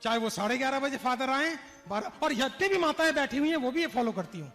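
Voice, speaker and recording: Man, motivational speaker on stage, animated storytelling, urges audience replies, long hall reverb. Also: extremely high pitch, fast, faint music behind. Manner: animated, acts out stories, urges audience responses.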